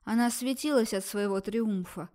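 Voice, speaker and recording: A woman narrating a first-person audiobook in a steady storytelling manner. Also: fairly high pitch, moderate pace.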